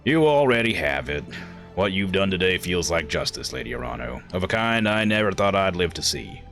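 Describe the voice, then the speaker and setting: A man voicing a stern, vengeful lord in a video game, formal and measured in speech. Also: low-pitched, very animated, creaky, a bit bright, faint music behind, full character voice. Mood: grave, grateful. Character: stern, vengeful nobleman, grave and courtly. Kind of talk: reading game dialogue aloud.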